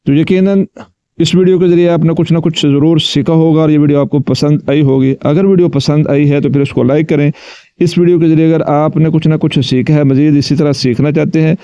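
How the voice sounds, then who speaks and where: A man teaching Quran recitation step by step, patiently repeating each syllable slowly and drawn out. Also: fairly high pitch, dark tone, clear, resonant tone, no echo, highs cut off. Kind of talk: step-by-step tajweed lesson.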